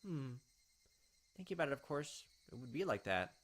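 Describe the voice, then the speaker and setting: Reading a visual novel aloud for a let's play, the host adds casual, offhand comments as the game goes on. The voice is mid-range and fairly bright, very animated, at a normal speed.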